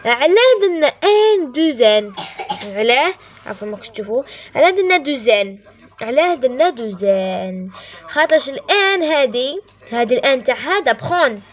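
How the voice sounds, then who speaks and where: Woman with an Algerian accent, high pitch, casual teacher who apologizes and self-corrects, dull lo-fi recording. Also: very animated, brisk. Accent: Algerian Arabic. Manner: apologizes often, repeats and corrects herself. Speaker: French teacher. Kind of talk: casual classroom lesson.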